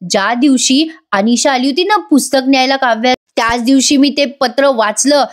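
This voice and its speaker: A woman's voice: high voice, moderate pace, lightly acted. A woman voicing a hurt and angry young wife who speaks sharply and reproachfully.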